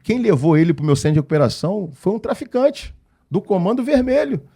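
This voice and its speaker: A pastor with a Rio de Janeiro accent recounts his experiences as a guest on a podcast interview. The man's voice is high-pitched, and he tells his stories with animation, acting out the voices of the different people involved. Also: fairly quick. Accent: Rio de Janeiro Portuguese. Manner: animated storyteller acting out dialogue.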